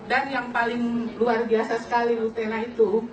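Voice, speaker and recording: High-voiced woman near fifty, animated. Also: normal speed, dull audio. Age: late 40s. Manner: animated, laughing often, addresses the audience directly. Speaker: customer giving a testimonial. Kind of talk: lively personal testimony to an audience. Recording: echoey hall, distant mic, audience around.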